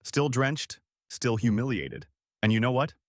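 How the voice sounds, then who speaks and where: A man's voice: mid-range voice, big pitch swings, a little slow, no room sound, studio quality. A man narrating a first-person story in a wry, sarcastic scripted style.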